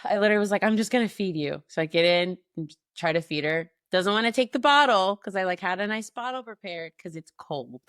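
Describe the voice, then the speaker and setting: A woman's voice: medium pitch, fairly quick, hardly any pauses, clean tone, dry recording, studio quality. A young woman co-hosting a casual podcast, telling a long story with lots of "like" and "literally". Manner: animated storytelling, frequent "like" and "literally". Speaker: podcast co-host. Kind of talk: casual chat.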